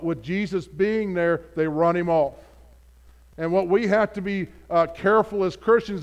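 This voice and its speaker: High-voiced man preaching earnestly. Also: clean tone, muffled recording. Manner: earnest, conversational preaching with direct questions. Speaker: pastor. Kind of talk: sermon.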